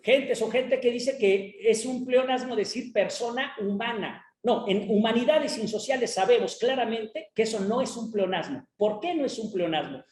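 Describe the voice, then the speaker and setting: A Mexican woman with a slightly higher voice lectures on a panel in an explanatory teacher's manner, often checking in with her listeners. The sound carries a roomy echo around her. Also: a little mellow. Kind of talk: academic panel talk.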